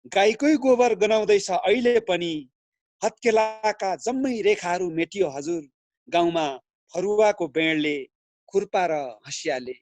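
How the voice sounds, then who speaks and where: A man reciting his own poem in a slow, earnest recital, speaking over a video call. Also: sits high, no echo. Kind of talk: poetry recitation.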